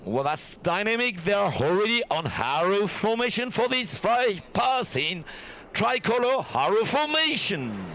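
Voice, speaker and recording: A man's voice: high voice, sing-song, unhurried, fairly bright tone, slight background noise. A man with a French accent giving live airshow commentary, explaining each formation in an admiring, showy way.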